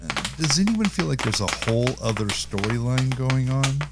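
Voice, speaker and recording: A man's voice: medium pitch, lively intonation, normal speed, very noisy, lightly acted. A man playing a genial, literal-minded crewman in a comedic audio drama. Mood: puzzled.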